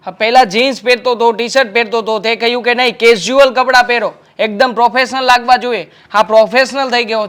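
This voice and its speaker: A man's voice: extremely high pitch, a bit bright. A young man playing a carefree husband, breezy and dismissive in a family drama. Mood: defensive.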